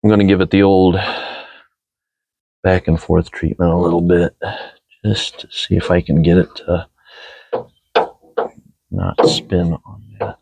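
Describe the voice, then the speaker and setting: A man with a growly voice explains a car repair calmly, one step at a time. His pitch sits very low and is full of gravelly fry. The sound is dry. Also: measured pace, long pauses, dry recording, dull audio. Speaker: helper mechanic. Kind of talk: casual how-to explanation.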